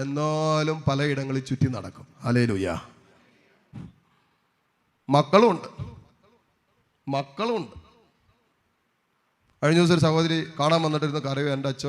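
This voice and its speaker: A man preaches a sermon as a priest in a large hall, declaiming with rising emphasis, calling out hallelujahs and posing rhetorical questions to the congregation. His voice is fairly high and a bit bright.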